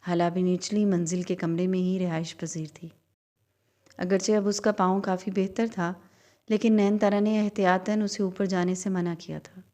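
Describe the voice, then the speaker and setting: A woman reading a dramatic novel aloud in steady, dramatic storytelling narration. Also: fairly low pitch. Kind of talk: scripted audiobook narration.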